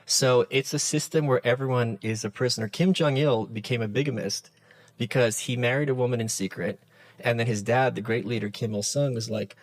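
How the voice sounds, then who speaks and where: A man's voice: mid-range voice, brisk. A man from the Soviet Union, a guest on a podcast, talking in an easy conversational way. He tells stories with energy and slips into the voices of the people he quotes. The studio microphone gives a close, dry sound with no room echo. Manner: animated storyteller who acts out quoted dialogue.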